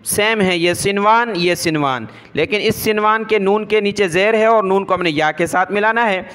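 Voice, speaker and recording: Guy teaching quran reading, high clear voice, goes slow, spells every syllable then stretches the words out. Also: a bit bright. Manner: patient, repeats each syllable, stretches recited words. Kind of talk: spelling out and reciting verses slowly.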